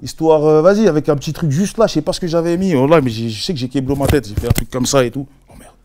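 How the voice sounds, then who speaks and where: Dude rattling off his story fast, lots of slang and bam bam noises. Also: fairly high pitch, a little hiss or hum. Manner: animated, slangy, full of sound effects. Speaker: interview guest. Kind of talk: casual storytelling in street slang.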